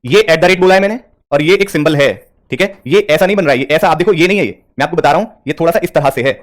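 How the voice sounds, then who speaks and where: A man's voice: fairly high pitch, fast talker. A man teaching reasoning for bank exams in a live online class, speaking mixed with English terms and talking straight to his students.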